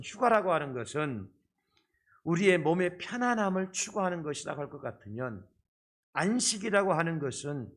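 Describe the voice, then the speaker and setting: A man's voice: sits high, fairly bright tone. A man preaching as a pastor through a face mask, explaining step by step and often putting rhetorical questions to his congregation. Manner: speaking through a face mask, slightly muffled. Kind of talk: sermon to a congregation. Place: church service.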